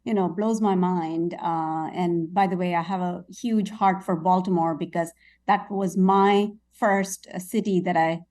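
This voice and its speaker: A woman hosting an interview, effusive and chatty with plenty of fillers. Her tone is warm and mellow. She sounds a little distant from the microphone. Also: fairly low pitch, steady tone, measured pace. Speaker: show host interviewer. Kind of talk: interview conversation.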